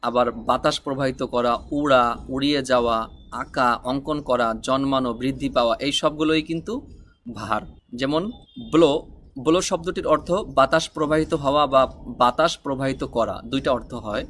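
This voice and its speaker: A man's voice: medium pitch, brisk, a bit bright. A man teaching a spoken English lesson, explaining patiently and spelling words out letter by letter.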